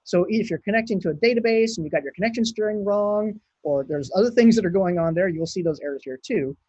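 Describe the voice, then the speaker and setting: A man's voice: high-pitched, quick pace, mellow, no room sound, lo-fi sound. Chatty man giving a live coding demo. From Hawaii. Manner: chatty, thinks aloud while clicking and typing. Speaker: conference speaker.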